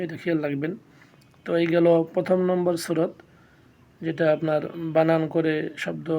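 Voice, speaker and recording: A man teaching Quran reading, spelling out Arabic syllables one by one in a slow, methodical classroom drill. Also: fairly high pitch, darkish tone.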